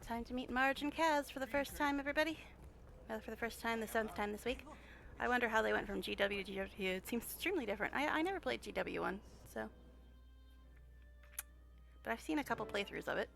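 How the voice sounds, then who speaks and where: A woman's voice: a little high, fast, creaky, fairly bright tone. A woman game streamer giving casual, chatty, playful commentary as she plays. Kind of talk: casual gameplay commentary, reads dialogue aloud. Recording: faint background noise.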